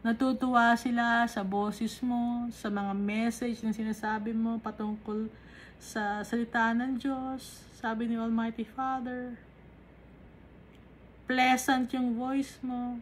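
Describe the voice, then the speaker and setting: A woman's voice: a little high, flat delivery, takes it slowly, a little hiss or hum, poor audio. A woman teaching a Bible study sermon, reading verses in English and explaining them in mixed Tagalog and English, emphatic and rising sharply on key contrasts.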